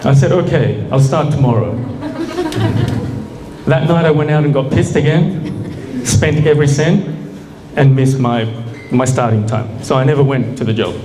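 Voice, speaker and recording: A man's voice: mid-range voice, normal speed. A middle-aged man telling a rambling personal story live on stage, often asking the audience questions. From Peru. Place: small bar venue, live audience. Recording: echoey room with faint noise.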